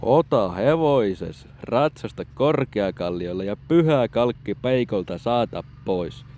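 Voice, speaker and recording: A man reading aloud turns into a heavenly angel who gives slow, solemn orders from above. The voice is pitched higher and sounds different from the reader's usual low tone. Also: animated, mellow, smooth, close to an everyday voice. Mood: commanding.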